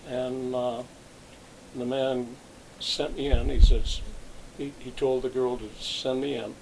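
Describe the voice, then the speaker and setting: Older man recounting his working past for an interview, meandering and halting, with a faint hiss behind him. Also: mid-range voice, little pitch movement, vocal fry. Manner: rambling, reminiscing with frequent restarts. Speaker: interviewee, retired salesman. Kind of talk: oral history interview.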